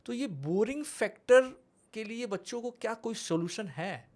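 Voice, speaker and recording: A man's voice: high voice, animated, normal speed, darkish tone. A man, hosting a podcast, asking questions and nodding along with short acknowledgements. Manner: attentive, frequent short acknowledgements, personal examples. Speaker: podcast host. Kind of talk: interview questioning.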